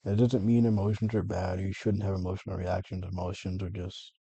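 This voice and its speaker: Guy venting to camera, low dark husky voice, rambly and sweary, dry close sound. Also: little pitch movement, brisk, no room sound, muffled recording. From United States. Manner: meandering, self-correcting, frequent swearing. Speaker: vlogger. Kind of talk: rambling personal monologue.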